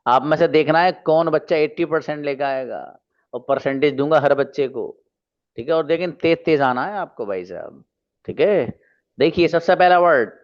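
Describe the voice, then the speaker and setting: Male online tutor, unhurried, repeats each word, dull lo-fi class audio. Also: mid-range voice. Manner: slow, drills words by repeating them. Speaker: online English teacher. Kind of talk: online pronunciation lesson.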